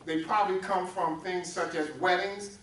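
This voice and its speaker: A man's voice: high voice, steady tone, normal speed, a bit bright. A man preaching a sermon as pastor, calling on congregants by name and drawing call-and-response from them in a church sanctuary. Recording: roomy echo, distant mic, faint hum.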